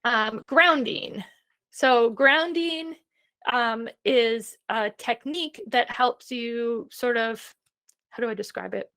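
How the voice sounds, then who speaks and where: Speaking slowly in a somewhat high voice with a sharp tone, a woman gives a casual, instructional homeschooling webinar. She's reassuring and chatty, uses many fillers, and seems to be losing her voice.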